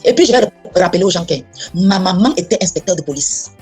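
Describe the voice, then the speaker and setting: A woman's voice: fairly low pitch, animated, fast, darkish tone, breathy edge, soft background music. A woman in a casual chat, blunt and insistent, often repeating herself. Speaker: co-host.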